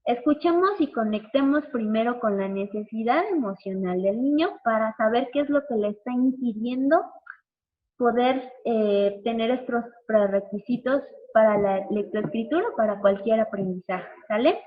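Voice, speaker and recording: A woman's voice: a little high, normal speed. A woman giving a chatty, informal lecture on early childhood teaching, repeating words for emphasis and tagging "sale" onto her sentences. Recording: slightly dull lo-fi recording.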